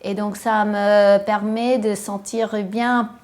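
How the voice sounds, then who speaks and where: A woman in her thirties shares her own story in a language she learned as an adult. She stops often to search for words and fills the gaps with small hesitations. Her voice sits at a middle pitch, typical for a woman. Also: little pitch movement, slow, a little mellow. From western United States. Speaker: interviewee. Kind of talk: casual personal account.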